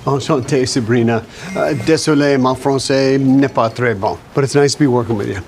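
An actor playing a polite American police captain in a TV crime drama, a native English speaker speaking halting French with an American accent. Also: male voice, medium pitch, darkish tone, slight background noise, natural voice. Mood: polite, apologetic. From United States.

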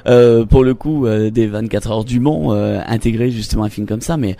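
A man's voice: medium pitch, moderate pace, creaky, warm tone. A man hosting a chatty broadcast interview in an effusive, complimentary manner. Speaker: interview host.

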